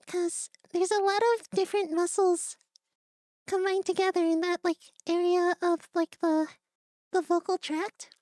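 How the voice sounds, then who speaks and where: A woman's voice: very high-pitched, darkish tone, no echo, studio quality. A woman on a live stream walking through vocal technique step by step, giggly and casual as she explains. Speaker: guest voice coach. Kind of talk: casual voice-training demo on stream.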